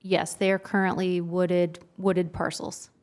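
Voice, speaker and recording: A woman with a smooth, clear and slightly low voice presents at a formal meeting. Her delivery is measured and matter-of-fact, as a staff member reporting. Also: flat delivery, a little mellow.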